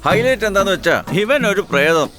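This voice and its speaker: A tipsy young ghost-seer. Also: male voice, high-pitched, expressive, a little fast. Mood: teasing. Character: tipsy young man who sees ghosts, comic. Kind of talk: film dub dialogue. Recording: film soundtrack with loud background music.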